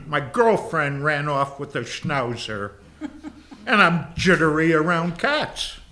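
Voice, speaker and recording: A mopey male poodle dog, sad-sack and complaining, told in a slow, bright, very forceful voice as a man puts him on in a joke. The delivery is unhurried and pushes each line out. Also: a little high, very animated, heavily acted. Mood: glum.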